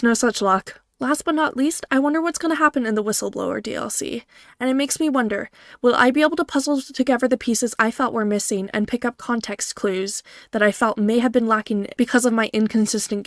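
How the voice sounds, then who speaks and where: A woman's voice: on the high side, fairly quick, a bit bright, no echo, clean studio sound. A woman gaming creator giving a scripted video game review, speaking directly to her viewers.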